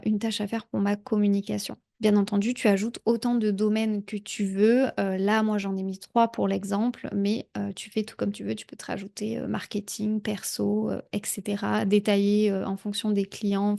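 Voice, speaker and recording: Chatty woman with vocal fry. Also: mid-range voice, darkish tone. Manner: chatty, many "heu" fillers, speaks directly to viewer. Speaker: productivity tutorial creator. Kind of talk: casual screen-share tutorial.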